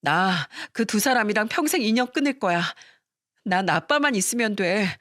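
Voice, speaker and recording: A woman's voice: mid-range voice, animated, moderate pace, a bit bright, no echo, clean studio sound, natural voice. A woman voicing a tearful, devoted adult daughter who pleads and sobs, in a story radio reading. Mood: tearful pleading. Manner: pleading, sobbing.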